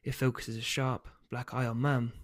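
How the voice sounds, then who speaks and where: A man, the book's author, reading his first chapter aloud in a steady storytelling voice. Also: medium pitch, normal speed. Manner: steady storytelling, loose and hesitant when speaking offhand.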